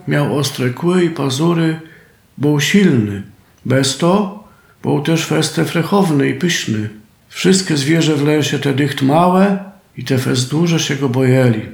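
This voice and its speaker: Slow gravelly Silesian storyteller man. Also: fairly high pitch, reverberant. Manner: homely storytelling in dialect. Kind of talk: folk tale narration.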